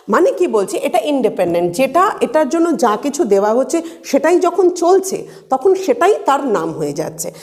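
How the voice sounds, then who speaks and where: Woman teacher explaining grammar, asks herself questions, high voice. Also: darkish tone. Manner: asks and answers her own questions; reads English examples slowly and deliberately. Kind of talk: exam-prep lesson lecture.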